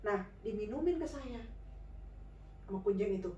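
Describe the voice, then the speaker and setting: A woman's voice: mid-range voice, lively intonation, moderate pace, dark tone, roomy sound, far from the mic, dull audio. A woman telling a personal story in a chatty, informal way, full of fillers and acted-out dialogue. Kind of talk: casual spoken storytelling.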